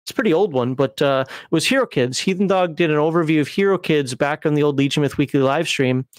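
A middle-aged livestream host speaks quickly in a fairly high voice as he reads chat and laughs a lot during a casual home broadcast via video call. The sound is clean studio quality with no room sound.

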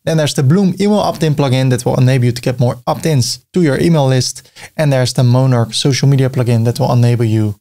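In this screen-recorded software tutorial, a middle-aged native Dutch speaker from the Netherlands walks viewers through building a website. He talks fast in a warm, mid-range voice with a Dutch accent, keeping things chatty and cracking small jokes as he clicks.

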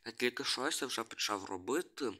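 Bright-voiced man hesitantly walking through slides. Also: mid-range voice, animated, brisk. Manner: hesitant, reading letters one by one, many restarts. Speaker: hobbyist presenting a made-up language. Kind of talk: screen-share explainer.

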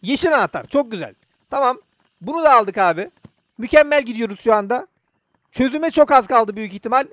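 High-pitched young man narrating gameplay. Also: animated, brisk, fairly bright tone, no room sound, dull audio. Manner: chatty, talks to the game character and viewers. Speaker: gaming YouTuber. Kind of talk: casual gameplay commentary.

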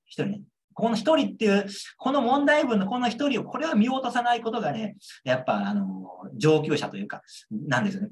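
A young man lecturing on a model exam answer, repeating key points and checking understanding with rhetorical questions. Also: sits high.

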